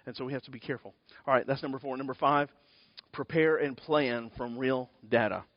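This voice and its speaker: A man preaching a sermon, telling stories in an animated, rambling way with many fillers and restarts. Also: mid-range voice, no room sound, muffled recording.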